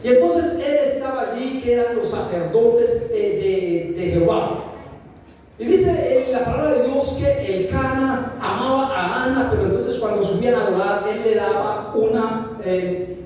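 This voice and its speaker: A man from Colombia preaching a sermon, with a very high voice and a mellow, dark tone. He speaks to the congregation directly, pausing on fillers and repeating phrases. The sound is roomy, with long reverb from a distant mic in a church hall. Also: a little hiss or hum.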